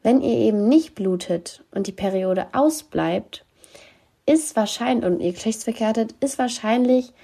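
Candid, slangy woman with a mellow voice. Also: mid-range voice, vocal fry. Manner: candid, slangy, mixing in English phrases. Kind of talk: casual chat to listeners.

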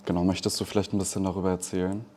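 Very low, flat-voiced man moderator. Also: very fast, slight background noise. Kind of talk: hosting a live event.

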